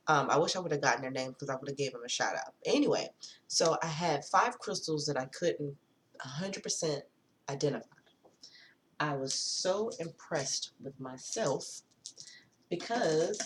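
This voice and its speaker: A woman's voice: deep voice, animated, normal speed, a little hiss or hum. A woman vlogging to her viewers in a chatty, casual way, swearing freely and calling them y'all. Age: adult with a daughter. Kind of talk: casual chat to camera.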